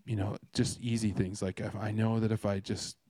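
A man's voice: on the low side, level tone, normal speed, warm tone, no room sound. A man from Canada giving a casual devotional talk, earnest and rambling, with many restarts and fillers. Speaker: speaker sharing a devotional.

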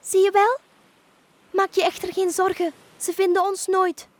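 A woman voicing a kind, eager female dolphin who comes to rescue a witch, speaking high and urgent. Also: flat delivery, unhurried.

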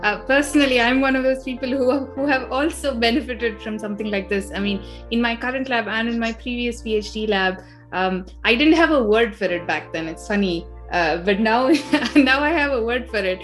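A young woman hosts a casual interview, upbeat and conversational, with a somewhat raised pitch. Faint music plays softly behind her voice. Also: normal speed. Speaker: podcast host.

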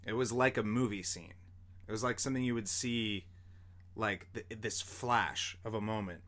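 A man's voice: lowish voice, normal speed, a bit bright. Young guy rambling through a story on a podcast, lots of likes and you knows, swears a bit. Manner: rambling, full of fillers and casual swearing. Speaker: podcast host. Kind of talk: casual storytelling.

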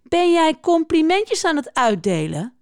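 A woman's voice: high-pitched, very animated, measured pace, dry recording, clean studio sound, voice pushed up, exaggerated voice. Woman playing a wise, solemn, kind old owl for a storybook. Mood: kindly. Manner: solemn and kindly.

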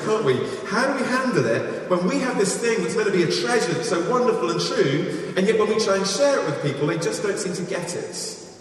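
A man giving an earnest, animated sermon that mixes in personal stories and wry humour. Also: sits high, slight background noise. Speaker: evangelist speaker. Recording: echoey hall, mic from far off.

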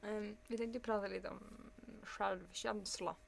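A woman's voice: medium pitch, vocal fry, a little hiss or hum. A young woman chatting casually as a podcast co-host. She tells stories with energy and acts out every person in them. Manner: animated storyteller who plays both sides of a scene.

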